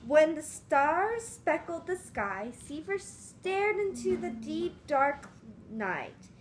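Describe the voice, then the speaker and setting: A woman's voice: sits high, very animated, takes it slowly. A woman reading a picture book aloud to young children, coaxing them along with simple questions. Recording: clearly noisy room.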